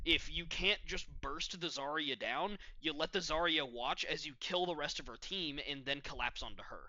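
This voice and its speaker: A man's voice: a little high, normal speed, pushed and bright, no room sound, dull audio. A young man with the hiccups, coaching a team through a match replay and calling out plays. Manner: instructive, analytical, calls out plays as they happen. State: has the hiccups. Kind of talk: live game review commentary.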